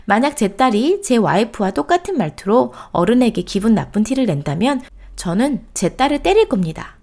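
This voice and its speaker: A woman hosting a storytelling channel, reading a reader's post aloud in an expressive, steady cadence. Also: fairly high pitch, moderate pace.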